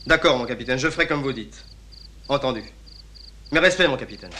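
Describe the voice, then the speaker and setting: An actor playing a nervous, officious army lieutenant who grows agitated. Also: male voice, mid-range voice, brisk, background noise, natural voice. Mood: anxious. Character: nervous male colonial lieutenant, easily flustered. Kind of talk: film drama acting.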